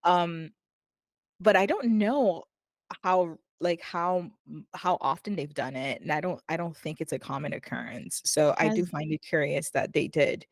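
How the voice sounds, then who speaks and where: A young woman co-hosts a podcast and chats in an easygoing way, hedging as she thinks out loud. She's quick to giggle. Her voice sits close to a dry mic. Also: sits low, dry recording. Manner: thoughtful and hedging, breaks into giggles. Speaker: podcast co-host. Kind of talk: casual chat.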